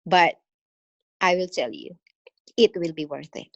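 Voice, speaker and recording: A woman with a Filipino accent from the Philippines, an exchange teacher, delivers an earnest, encouraging motivational presentation about her experience in an online meeting, with frequent pauses and fillers. Her lowish voice is gravelly, with lively intonation. The video-call audio is muffled, with no room sound.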